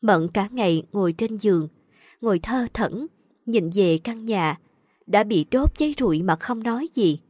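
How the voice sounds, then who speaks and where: A woman narrating a dramatic story in a steady storytelling voice. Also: mid-range voice, normal speed, no echo, clean studio sound.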